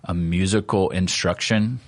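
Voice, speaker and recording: A man, a pastor, talking through his sermon in a relaxed, conversational way with plenty of fillers. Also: deep voice, unhurried, no room sound. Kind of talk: casual podcast discussion of a sermon.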